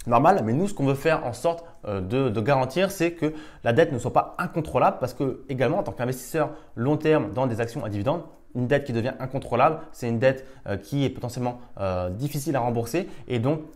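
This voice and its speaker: A man's voice: medium pitch, fast, darkish tone. A man teaching stock investing over a screen-share, explaining step by step with frequent hesitations. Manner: explanatory, many fillers and restarts. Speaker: investing educator.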